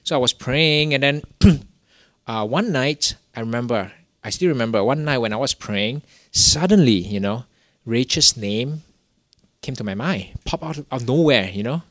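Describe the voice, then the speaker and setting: Young man, rambling testimony, many fillers, mid pitch, dry sound. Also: animated, moderate pace, a bit bright, no room sound. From Singapore. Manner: rambling, many "you know" fillers and restarts. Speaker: guest telling his story. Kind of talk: casual testimony.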